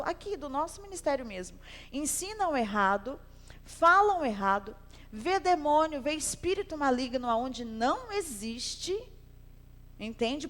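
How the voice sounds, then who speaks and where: A woman pastor teaching a Sunday school Bible class in a conversational way, asking the class questions and repeating her phrases. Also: high voice. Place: church hall. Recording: long hall reverb.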